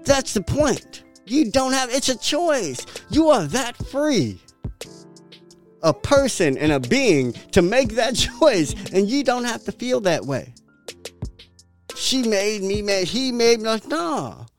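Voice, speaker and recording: Man, podcast host, high-pitched voice, lively swings, blunt swearing, soft music behind. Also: takes it slowly. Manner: profane, emphatic, repetitive preaching; animated, laughs often. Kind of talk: motivational podcast monologue.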